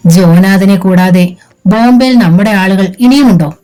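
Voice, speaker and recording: A woman voicing a wary middle-aged male accomplice in an audiobook, speaking in a measured, questioning way. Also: mid-range voice, warm tone, faint music behind, close to an everyday voice.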